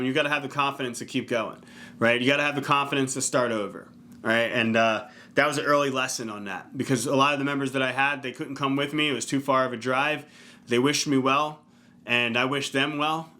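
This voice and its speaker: A man's voice: medium pitch, sharp tone. A man in his thirties, a fitness coach, talks through a casual, earnest motivational talk, often checking in with "right?". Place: indoor room.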